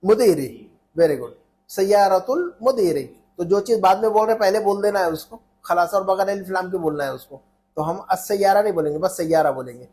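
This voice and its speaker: A man's voice: sits high, brisk, darkish tone. A man teaching an Arabic lesson in Urdu, repeating phrases and checking that students follow.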